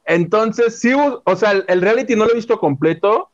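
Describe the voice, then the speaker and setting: A man's voice: high-pitched, expressive, moderate pace, muffled recording. A man with a Mexican accent co-hosting a casual entertainment chat, gossiping dramatically about a TV singing show. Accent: Mexican Spanish. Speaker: show co-host.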